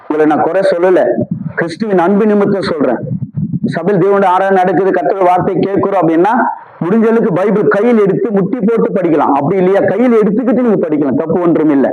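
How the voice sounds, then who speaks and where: A man's voice: sits high, fast, muffled recording. A man pastor with a Tamil accent preaching a sermon emphatically, repeating his phrases and calling for amens.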